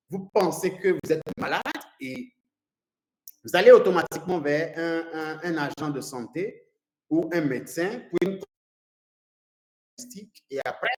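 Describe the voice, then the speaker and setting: A Nigerian man who speaks English as his first language is a consultant and coach presenting a seminar to a live audience. His voice is fairly high with a darkish tone, and he talks haltingly, repeating words and using many fillers in an echoey room.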